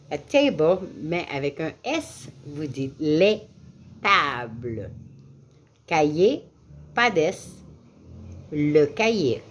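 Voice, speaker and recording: A woman leads a French lesson at a slow, careful pace, saying each word twice so learners can follow. Her voice sits a little low but moves up and down a lot, and she slips English glosses in between the French. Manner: slow, deliberate repetition of words for learners. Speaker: French teacher. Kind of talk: classroom lesson.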